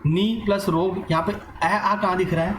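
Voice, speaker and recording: A man's voice: sits high, steady tone, normal speed, fairly bright tone, roomy sound, slight background noise, poor audio. A man teaching an online grammar lesson, asking and answering his own questions and mixing in English words.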